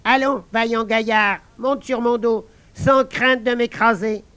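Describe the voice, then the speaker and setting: Man putting on a gentle high frog voice. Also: fairly even intonation, a little slow, clean tone, exaggerated voice. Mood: coaxing. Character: magical helpful female frog, calm and encouraging. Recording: dull lo-fi dry recording.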